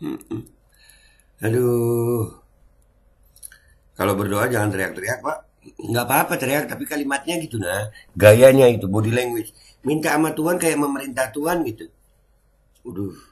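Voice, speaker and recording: A man's voice: medium pitch, normal speed, long pauses, darkish tone. A middle-aged man, hosting a casual reaction commentary in a mocking, chatty way with his audience. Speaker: host.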